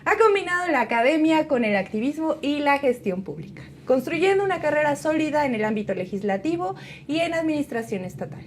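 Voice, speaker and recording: A woman's voice: high-pitched, very animated, a little fast, a little hiss or hum. A woman hosting an interview in a studio, reading a formal introduction before asking questions. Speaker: interview host. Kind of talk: scripted introduction then interview.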